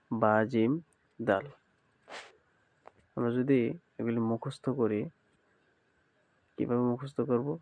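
A man with a Bangladeshi Bengali accent teaching Quran recitation in a slow recorded lesson, chanting letter sounds in rhythm and repeating drills. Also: medium pitch, creaky, darkish tone, highs cut off, slight background noise.

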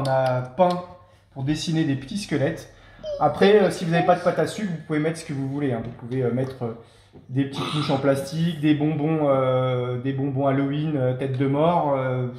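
A casual cooking host walks children through a recipe, praising and teasing them along the way. The speech is loose and unhurried, full of little pauses. It sounds like a home kitchen with noticeable room echo and a light background hiss. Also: medium pitch. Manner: encouraging and playful with the children; relaxed, with frequent hesitations. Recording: echoey room with faint noise.

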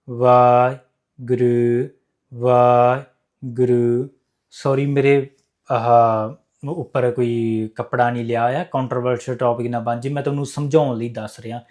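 A man's voice: medium pitch, darkish tone. A man with a Punjabi accent giving earnest, preachy spiritual advice straight to his viewers, repeating key phrases as he instructs. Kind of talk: earnest instructional talk to camera.

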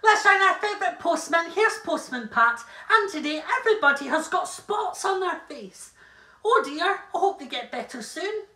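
A woman's voice: very high voice, animated, normal speed, pushed and bright, echoey room, far from the mic. A woman presenting a children's TV morning block, introducing each show in a bubbly, playful, exaggerated way. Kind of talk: live continuity links between kids' shows.

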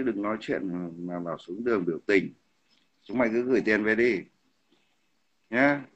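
A man's voice: on the low side, a bit bright, lo-fi sound. A man ranting combatively on a livestream, hurling insults and repeating "hiểu không?". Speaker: livestream host. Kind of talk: heated political livestream rant.

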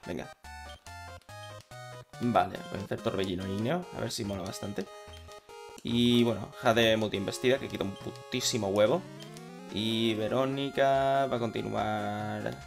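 A gaming channel host with a Spain Spanish accent gives casual, chatty commentary as he plays a video game, swearing and talking to himself. His voice is on the low side with vocal fry, his pace measured, and music plays in the background.

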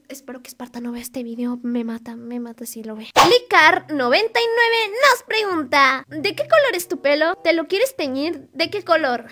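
A woman's voice: sits high, bright, forceful tone. A woman, answering fan questions in a playful, giggly way in a casual vlog.

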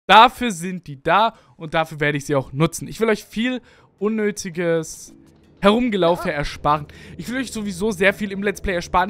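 At his indoor home gaming setup, wearing headphones in front of an arm-mounted studio mic, a young Berlin-accented streamer chats through a game for his channel. He rambles and makes fun of himself in a high-pitched, fairly bright voice, and the recording is dry.

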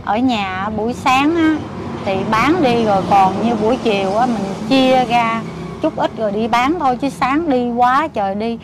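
An older woman with a Southern Vietnamese accent, the mother-in-law of a lottery ticket seller, is interviewed in a casual conversation, telling her story emphatically with exclamations. Her voice is a little high at normal speed, with street noise behind her.

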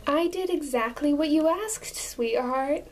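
A woman's voice: high voice, a little slow. A woman voicing a pushy, smug female pet salon owner who talks in a breezy, patronizing way, calling clients honey and sweetheart, in a toy pet video role-play.

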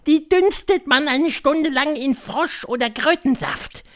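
A man reading an audiobook, voicing an imperious female witch leader who lectures in a shrill, drawn-out way. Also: a bit bright. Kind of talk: audiobook character voice.

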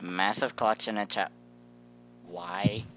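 A man's voice: fairly low pitch, fairly even intonation, slow, a bit bright, highs cut off, faint music behind. A young man playing a card game over voice chat, joking, swearing and laughing often. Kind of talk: casual voice chat while gaming. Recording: noisy voice chat mic.

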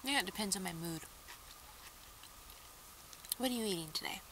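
A woman's voice: medium pitch, lively intonation, normal speed, background noise. A woman vlogger chatting casually while eating, talking with her mouth full. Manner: chatty, chewing between remarks. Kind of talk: casual mukbang chat.

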